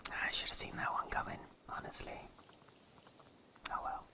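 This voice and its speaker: A game streamer whispering close to the microphone during a live stream, playfully teasing viewers and breaking into jokey, mock-outraged asides. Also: normal speed.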